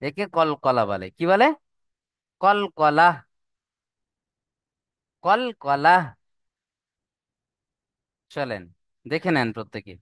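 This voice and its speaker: A man's voice: fairly high pitch, sing-song, drawn-out words, pauses often, fairly bright tone, no echo, studio quality. A man teaching Quran reading rules step by step, stretching out the example words in a sung recitation. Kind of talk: slow step-by-step lesson.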